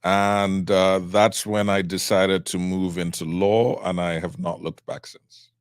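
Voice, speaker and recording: A middle-aged man from Cameroon, a trial attorney, speaking as a guest in an interview in a measured, reflective way. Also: low voice, fairly even intonation, smooth, no room sound, clean studio sound. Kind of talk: interview conversation.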